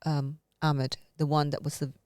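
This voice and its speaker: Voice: medium pitch, little pitch movement, normal speed, a little mellow, clear, resonant tone, no echo, studio quality. A podcast host asking questions in a casual interview, laughing often and searching for words.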